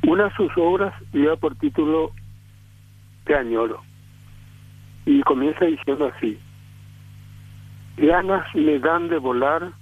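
A man from Paraguay, calling in to a radio show on speakerphone. He speaks in a measured, formal way with some hesitations. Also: on the high side, no echo. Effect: phone line on speakerphone. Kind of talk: on-air cultural segment and poetry recital. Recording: dry, tinny phone line.

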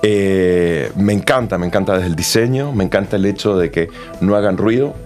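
A man's voice: sits low, moderate pace, darkish tone, soft background music. A man from Argentina with an Argentine accent, a company manager chatting as a guest in an interview, friendly and full of restarts. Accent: Argentine Spanish. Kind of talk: casual interview answers.

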